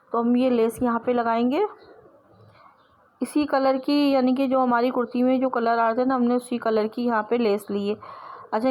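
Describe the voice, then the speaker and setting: A woman's voice: fairly high pitch, muffled recording. A woman teaching sewing step by step, explaining patiently and repeating herself as she works with her hands.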